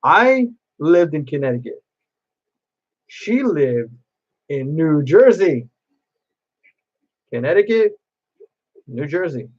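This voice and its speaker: A man's voice: fairly high pitch, very animated, slow pace, pauses often, slightly rough, dull audio. A man chatting to camera as a cosplay vlogger, telling a long personal story in a rambling way with many restarts.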